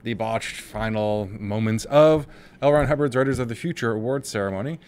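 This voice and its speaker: A man's voice: mid-range voice, a little fast, a little mellow, clear, resonant tone. A man hosting a casual interview, teasing his guest and asking rambling questions. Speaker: interviewer host. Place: author venue room.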